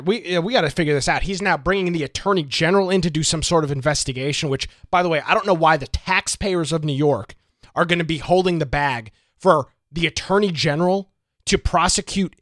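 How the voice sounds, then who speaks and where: A man's voice: high voice, fairly bright tone, no room sound, studio quality. A man hosting a political talk show, delivering opinionated commentary with many rhetorical questions.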